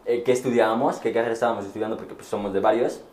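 A man's voice: fairly low pitch, steady tone, racing, darkish tone, reverberant. A young man, a university student, chatting casually and hesitantly with lots of fillers and restarts. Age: young adult. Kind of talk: casual chat.

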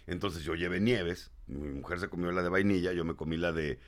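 A man with a Mexican accent, hosting and telling a funny story in animated, self-mocking chat. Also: low voice, fairly quick. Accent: Mexican Spanish. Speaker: host.

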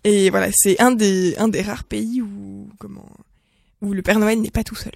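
A woman of middle pitch talks in a lively, exclamatory way, tumbling through fillers and restarts as she tells anecdotes. Her voice is recorded dry and close. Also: moderate pace, gravelly, dry recording.

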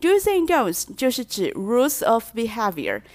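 A woman's voice: on the high side, wildly swooping pitch, unhurried, a little mellow. A woman hosting a bilingual English lesson who explains patiently and drops English phrases into her talk. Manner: acts out example sentences with shifting stress. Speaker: language teacher host.

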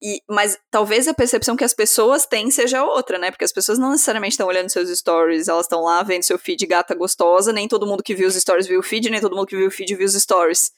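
A woman's voice: medium pitch, steady tone, fast talker, few pauses. A woman hosting a podcast, asking long rambling questions in a casual, chatty way. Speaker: podcast host.

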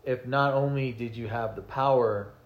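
A man's voice: mid-range voice, steady tone, normal speed, highs cut off. Musing man in an echoey room. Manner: musing, trails off and restarts. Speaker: podcast co-host. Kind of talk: casual discussion. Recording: roomy echo.

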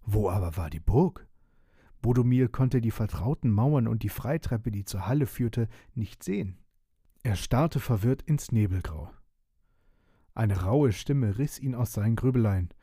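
A man narrating a bedtime story in a calm, measured way. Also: mid-range voice, husky, no echo, studio quality.

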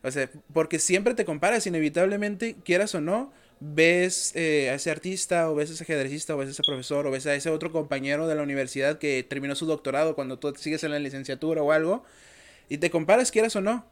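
Young guy hosting a chill podcast chat, slightly high voice, lots of "eh" fillers. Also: brisk. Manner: talkative, explains with examples, many fillers. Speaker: podcast host and chess teacher. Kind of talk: casual interview chat.

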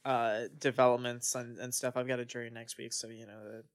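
A man appearing as a guest on a casual podcast. He speaks in a relaxed, hesitant way, pausing and filling gaps often. His voice sits at an ordinary middle pitch. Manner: relaxed, hesitant, many fillers. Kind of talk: casual chat.

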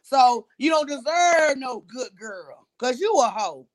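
A woman's voice: sits high, animated, slow pace. A woman co-hosting a podcast in casual chat, ranting in a profane, mocking way. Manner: profane, heated, mocking rant. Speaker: podcast co-host.

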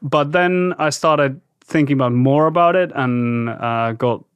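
A man's voice: medium pitch, unhurried, clean tone, dry recording. A man from Eastern Finland, a native Finnish speaker, answering interview questions in English with many hesitations and fillers. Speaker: guest, bike company founder and designer. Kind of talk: casual interview.

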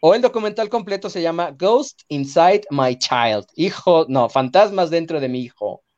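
A man's voice: fairly high pitch, moderate pace, muffled recording. A man with a Mexican accent hosting a podcast in casual, joking chat and reading out listener comments. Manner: animated, jokey, reads listener comments. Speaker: podcast host.

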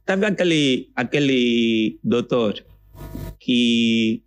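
A young Angolan man, a comedian, chats on a podcast with a lively, swinging pitch that stays in the middle of a man's range. He tells his stories with animation and slips into high voices to quote people. His Portuguese carries a clear Angolan accent. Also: very slow, soft background music. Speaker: comedian guest. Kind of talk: casual podcast chat.

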